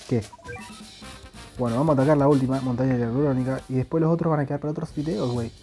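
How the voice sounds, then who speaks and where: A man's voice: mid-range voice, steady tone, fast, dark tone, soft background music. A young man with an Argentine accent giving joking, slangy commentary while playing a video game. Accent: Argentine Spanish. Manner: joking, crude slang banter. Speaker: gaming YouTuber. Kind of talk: gameplay commentary.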